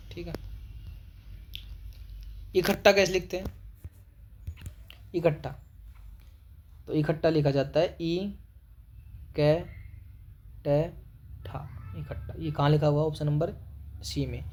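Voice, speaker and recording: A young man teaching a Hindi spelling lesson for exam students, spelling each word syllable by syllable and repeating a quick "okay" after every answer. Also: a little high, darkish tone, a little hiss or hum. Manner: spells words syllable by syllable, repeats "ठीक है", calls students "भाई".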